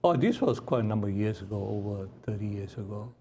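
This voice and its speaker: A man's voice: lowish voice, expressive, quick pace, warm tone, slight background noise. A man in his sixties from Malaysia who grew up in Singapore, chatting cheerfully as a guest doctor on a talk show. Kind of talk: casual interview chat.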